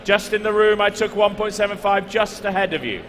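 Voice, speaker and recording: A man's voice: sits high, brisk, fairly bright tone. A man working as an auctioneer, calling bids at a live car auction, repeating figures insistently and coaxing bidders. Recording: echoey large hall, background noise.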